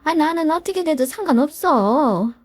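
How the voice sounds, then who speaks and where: A woman voicing an elderly mother-in-law who laments slowly and pleads, in a dramatized story reading. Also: high voice, lively intonation, no room sound, pitched above the performer's own voice. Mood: pleading. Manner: drawn-out lamenting delivery.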